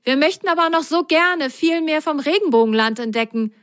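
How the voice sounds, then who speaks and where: A bold little boy sock from a children's story who loves adventure and speaks plainly and cheerfully, as a woman acts him out. The voice is pitched well up and casual. The sound is dry and close. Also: animated, fairly quick, a bit bright, no echo. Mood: adventurous upbeat. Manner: direct, upbeat, casual. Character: adventurous, sporty male sock, a bit cocky.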